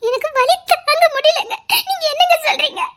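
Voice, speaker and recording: A woman's voice: very high voice, quick pace. A woman voicing a young pregnant wife in labour pain who wails, half laughing and half crying, in an amateur audio drama.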